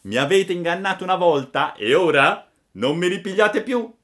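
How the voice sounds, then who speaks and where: A man voicing an eager young wooden puppet boy in a storybook reading, earnest and excited. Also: sits high, moderate pace, voice pushed up. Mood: scornful.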